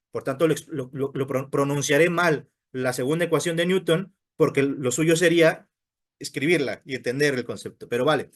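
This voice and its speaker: A man with a Spain Spanish accent, leading a seminar debate as a philosophy lecturer. He thinks aloud as he explains, with frequent restarts and tag questions. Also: fairly high pitch.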